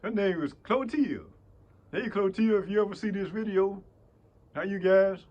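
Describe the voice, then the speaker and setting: A man's voice: sits high, highs cut off. An older man telling rambling stories in a casual vlog, chuckling often and slipping into folksy preaching. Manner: chuckling, rambling with many fillers and restarts; slow folksy preaching with scripture. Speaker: vlogger.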